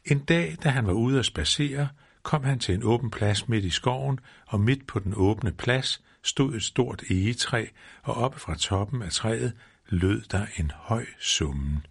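A man narrating a children's storybook aloud in a measured, rhythmic way. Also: medium pitch, lively intonation, vocal fry, slightly rough.

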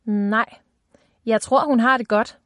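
A woman's voice: on the high side, fairly even intonation, a bit bright, no room sound, lightly acted. A woman reading aloud voicing a cheerful young teenage girl at a sleepover.

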